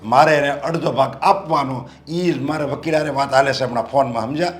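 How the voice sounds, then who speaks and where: A man playing a stern older father with a hoarse voice who scolds his son and insists the property is his to give. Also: medium pitch, brisk, soft background music, lightly acted. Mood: firm. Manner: authoritative, scolding. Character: firm, proud elderly father, owner of the property. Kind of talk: Gujarati short film acting.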